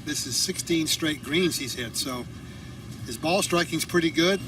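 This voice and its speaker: A man's voice: a little high, measured pace. A man working as an on-course golf commentator, describing live play and players' swings. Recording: distant, noisy outdoor ambience.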